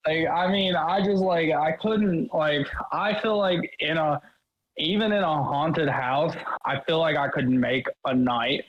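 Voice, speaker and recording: A man co-hosting a gaming podcast, excitable and swearing, calling everyone bro. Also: fairly high pitch, measured pace, no echo, muffled recording. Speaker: podcast co-host. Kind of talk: casual gaming podcast chat.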